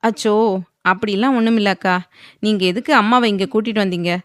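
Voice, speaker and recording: A woman's voice: medium pitch, a little fast, dry recording, studio quality, natural voice. A woman voicing a determined young heroine who speaks firmly and earnestly. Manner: firm, earnest.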